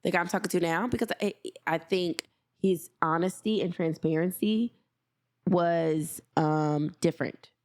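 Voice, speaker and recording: A woman with a slightly low voice co-hosting a podcast in relaxed casual chat. She speaks her opinions frankly and sometimes acts out what other people say. Her voice comes across clearly on a podcast mic. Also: measured pace. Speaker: podcast co-host.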